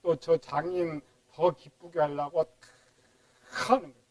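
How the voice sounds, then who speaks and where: A man's voice: fairly high pitch, steady tone, a little slow, darkish tone, no echo, rough recording. A male pastor preaching a midweek sermon, asking rhetorical questions and mimicking complainers.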